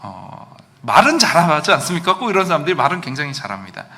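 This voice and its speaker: A male pastor delivers a sermon in a church with a bright, forceful tone. His voice sits fairly high and moves through a wide, lively range. He sometimes breaks into loud outbursts to act out quoted lines. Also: quick pace, vocal fry. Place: church sanctuary.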